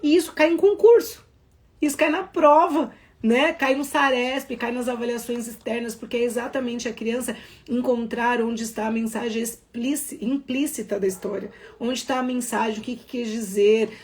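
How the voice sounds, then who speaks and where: Woman, middle-aged, Brazilian Portuguese accent, literacy trainer, live teaching talk, emphatic, fairly high voice. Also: moderate pace. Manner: animated, emphatic, addresses viewers directly as "meu amor" and "Pro".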